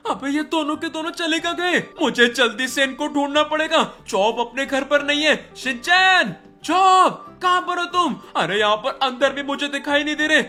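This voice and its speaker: A man voicing a tired, grumpy older brother in a game role-play dub, gruff and dismissive. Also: very high voice. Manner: gruff and dismissive, calling out loudly. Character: tired grumpy big brother, later worried.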